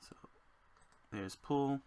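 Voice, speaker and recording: A man designing a card game, thinking aloud to himself in a slow, musing way as he works. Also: dark tone.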